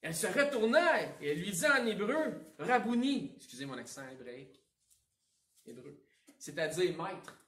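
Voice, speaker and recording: A man with a Quebec French accent preaching a Sunday sermon, swinging between emphatic outbursts and hushed asides. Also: a little high, expressive, moderate pace, long pauses, reverberant, distant mic. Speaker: pastor. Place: church sanctuary.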